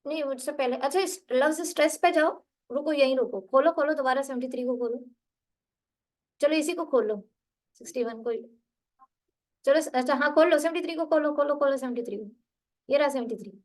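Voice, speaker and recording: A woman's voice: high voice, brisk, long pauses, low-quality recording. A woman tutoring a student one-on-one for a spoken English test, patiently correcting word stress and reading. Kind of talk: online tutoring session.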